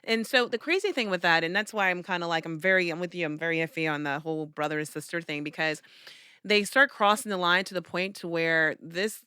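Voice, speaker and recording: Southern woman co-host, a touch low-pitched, bright and crisp, emphatic storyteller, dry close mic. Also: fairly quick, dry recording. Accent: Southern American. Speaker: podcast co-host. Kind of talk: casual chat.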